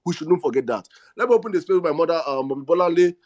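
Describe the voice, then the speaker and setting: A man with a Nigerian accent hosts an online audio discussion space, giving impassioned political commentary in an emphatic, repetitive, rhetorical style. His voice is slightly high with a darkish tone, he speaks at a racing pace, and the recording is dry.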